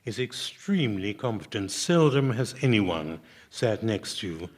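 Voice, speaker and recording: A man on a comedy panel game, speaking in a dry, terse, deadpan way. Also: lowish voice, unhurried. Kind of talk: witty panel game talk.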